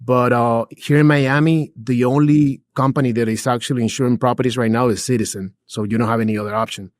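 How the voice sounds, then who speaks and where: A man in his 40s raised in Peru appears as a podcast guest, a real estate investor talking in a casual interview style. His medium-pitched voice moves briskly, he's easygoing and chatty with plenty of "dude" and "bro," and he often restarts. The recording is dry and studio-clean.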